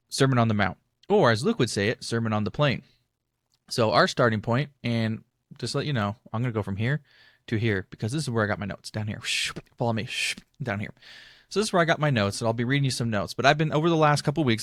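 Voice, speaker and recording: A young man talks through a Bible-study podcast in a loose, rambling way, often poking fun at himself. His voice sits at a middling pitch, and the room around him is dry, with no echo. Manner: rambling, chatty, self-deprecating. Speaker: podcast host.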